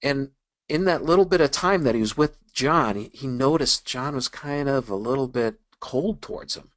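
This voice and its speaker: A man's voice: mid-range voice, moderate pace, no echo, poor audio. A middle-aged man presenting a fundraising webinar in a casual, conversational way, with frequent ums and you-knows as he tells stories. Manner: casual, conversational, many fillers like um and you know.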